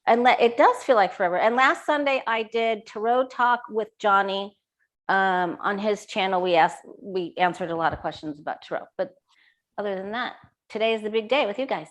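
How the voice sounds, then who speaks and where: Friendly woman plugging her readings. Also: mid-range voice. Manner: friendly, promotional, quick to laugh. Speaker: guest tarot reader. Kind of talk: casual chat.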